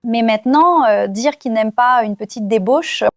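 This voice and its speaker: A woman's voice: fairly high pitch, moderate pace, no echo, clean studio sound. A woman chatting casually as a podcast guest, telling anecdotes and explaining things. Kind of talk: casual chat. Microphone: studio podcast microphone.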